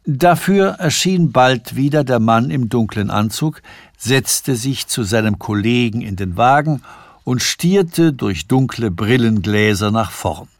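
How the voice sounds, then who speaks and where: A man reading a novella aloud in a measured, expressive style for radio. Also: mid-range voice, no echo, studio quality. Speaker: audiobook reader. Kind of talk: scripted literary narration. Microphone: studio microphone.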